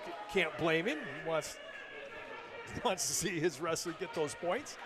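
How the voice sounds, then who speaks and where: A man giving excitable live commentary on a high school wrestling match, laughing between calls. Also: measured pace. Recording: loud crowd and noise behind.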